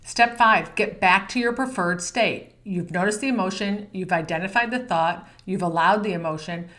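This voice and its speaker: Calm woman coaching golf mindset. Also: medium pitch, normal speed. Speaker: golf mental-game coach. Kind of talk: course lesson.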